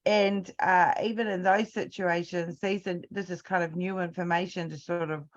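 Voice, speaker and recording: Woman talking kinda hesitant, lowish voice, muffled recording. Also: fairly even intonation, normal speed. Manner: hesitant, searching for words. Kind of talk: casual conversation. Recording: dull lo-fi sound.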